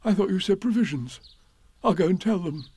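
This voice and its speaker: A man's voice: on the high side, expressive, normal speed, a little mellow, voice pushed up. A man voicing an eager, simple, good-natured toy bear, naive and earnest, in a children's storybook reading. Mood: eager, curious.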